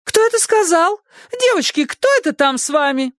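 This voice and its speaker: A man voicing a shrill, spiteful elderly woman neighbor who scolds and gloats in a squealing voice. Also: expressive, moderate pace, a bit bright, no room sound, clean studio sound. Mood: shrieking. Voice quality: shrill, shrieking.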